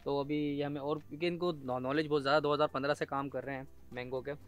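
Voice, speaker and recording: A man's voice: mid-range voice, fairly even intonation, fast talker, clean tone. A young man from Pakistan vlogging on a walk through a mango orchard, chatting and explaining to the camera as he goes. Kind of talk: casual vlog walkthrough.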